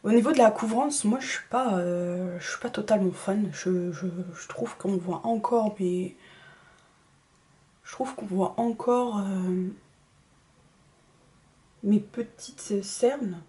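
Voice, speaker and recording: A chatty woman walks through her makeup routine, talking straight to her viewers. She is self-deprecating and keeps sliding into quiet, half-whispered asides. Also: mid-range voice, slow pace, pauses often. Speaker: beauty vlogger. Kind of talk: casual makeup tutorial chat.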